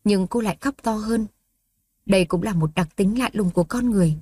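A woman narrating a romance story in a steady, even reading voice. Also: medium pitch, brisk, slightly rough, no echo. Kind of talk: scripted audiobook narration.

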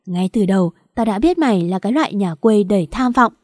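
A woman's voice: mid-range voice, lively intonation, a little fast, darkish tone, dry recording, clean studio sound, lightly acted. A woman voicing a furious, ranting older mother-in-law in a narrated story.

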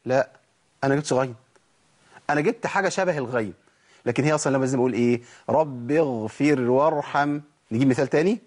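Egyptian man, recitation teacher; rapid talker who quizzes himself and drills slow, repeated sound examples. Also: medium pitch, a little mellow, breathy edge. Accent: Egyptian Arabic. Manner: asks himself rhetorical questions and answers them; drawn-out demonstrations of letter sounds with repeated examples. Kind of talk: recorded recitation lesson.

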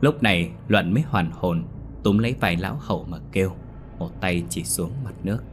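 A man narrating a ghost story in a lively, expressive storybook manner. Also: low voice, normal speed, slight background noise.

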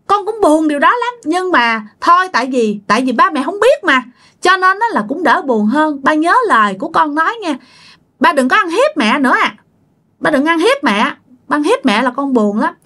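The pleading spirit of an unborn baby boy, as a woman narrator puts him on, high and tearful with a childlike plaintiveness. He speaks, begging softly and insistently. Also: exaggerated voice.

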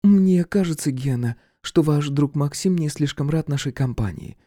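A man's voice: moderate pace, warm tone, dry recording, natural voice. Audiobook: male reader putting on a bold, mocking brunette, chesty and dry. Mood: cool. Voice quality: low chesty voice. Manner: blunt, mocking. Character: tall brunette woman, cool and brazen.

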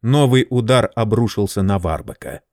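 Male audiobook narrator, expressive storytelling, lowish voice, dry close sound. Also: normal speed, no room sound. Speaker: audiobook reader. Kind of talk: scripted narration.

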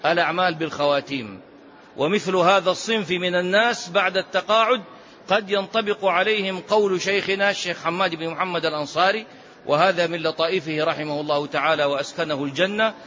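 Brief: male sheikh, high bright voice, explanatory lesson delivery on a dull lo-fi recording. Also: fairly even intonation, fast. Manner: explanatory, asks rhetorical "ha?" of listeners. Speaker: sheikh teaching a hadith book. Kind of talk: classical religious lesson.

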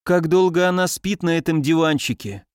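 A man voicing a moody drunk young man who swings between tears and wild excitement. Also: on the high side, moderate pace, clear, resonant tone, no echo, clean studio sound, voice pushed up, lightly acted. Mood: tearful. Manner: excitable, exclaiming.

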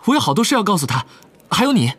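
An earnest teenage wizard boy from a storybook reading, pitched a little above a man's usual voice and rushing his words eagerly. The tone is slightly husky and animated. A man puts this voice on while narrating. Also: dry recording, full character voice. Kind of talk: audiobook character voice.

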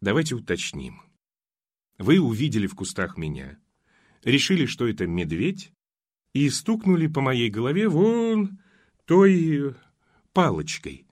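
A man voicing a bewildered, injured young man in an audiobook, asking slow, low, deliberate questions. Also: very animated, a little mellow. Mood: insistent. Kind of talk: audiobook character voice.

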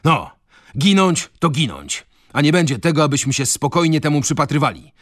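Reckless drunk young man, loud and urgent, voiced by a male reader in a higher register. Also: sing-song, normal speed, no room sound. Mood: defiant.

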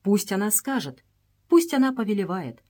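A woman's voice: medium pitch, sing-song, normal speed, darkish tone. A woman voicing a reverent temple priestess.

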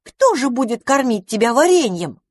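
A woman voicing a tiny, excitable mouse boy who pleads in a shrill voice. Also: normal speed, no room sound. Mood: pleading.

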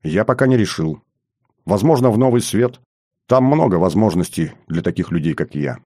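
A man's voice: low voice, lively intonation, moderate pace, dark tone, no echo, clean studio sound. A man voicing a bold, bitter young officer in an audiobook, speaking bluntly and earnestly. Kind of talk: audiobook character reading.

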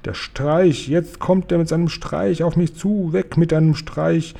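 A man's voice: fairly high pitch, steady tone, unhurried, gravelly, mellow, voice pushed up. A man reading a storybook aloud, voicing a huge child-eating giant who shrieks, gurgles and begs in a nightmare. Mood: pleading.

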